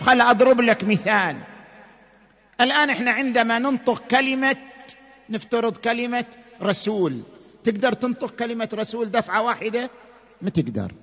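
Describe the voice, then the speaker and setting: A man giving a sermon-style religious lecture, emphatic, slowing and rising on key words. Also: very high voice, pushed and bright, in a large hall.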